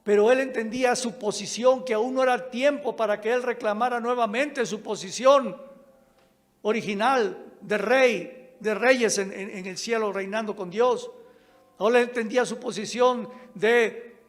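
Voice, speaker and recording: A man's voice: high-pitched, unhurried. A male pastor preaching a sermon, punctuating with amens and emphatic restarts. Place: church sanctuary during a live-streamed service. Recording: long hall reverb, faint music.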